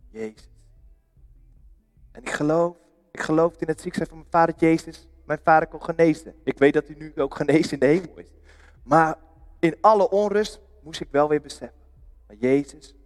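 A man's voice: a little high, normal speed, darkish tone, soft background music. Earnest man preaching in a long-echoing hall. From Netherlands. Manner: earnest, asks questions and answers them himself. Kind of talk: sermon. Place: church.

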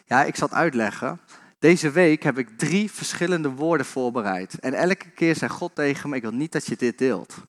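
A man's voice: medium pitch, animated, moderate pace. A man preaching an informal church sermon, talking straight to the congregation with frequent restarts and repetitions. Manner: conversational, addresses congregation directly, many repetitions and restarts. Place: church hall.

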